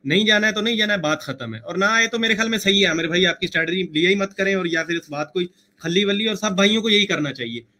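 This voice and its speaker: A man's voice: high voice, fast, few pauses, bright, forceful tone. A man on a remote call co-hosting a religious debate stream, joking and teasing, and reciting couplets with emphasis. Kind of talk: casual chat with banter and recited couplets.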